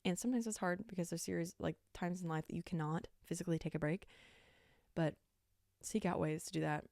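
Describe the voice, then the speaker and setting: Fast-talking woman with a gravelly edge. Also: fairly low pitch, fairly even intonation, a little mellow, dry recording, clean studio sound. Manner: fast-talking, chatty, lots of "like". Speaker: podcast host. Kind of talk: casual Bible study talk.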